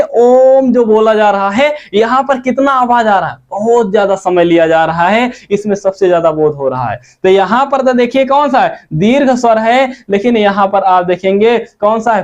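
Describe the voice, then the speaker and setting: A man with a high voice teaches a grammar class, asking questions and answering them in turn. He stretches out the sounds of his examples. The recording is dull and lo-fi. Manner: asks questions and answers them himself, drawn-out sung examples.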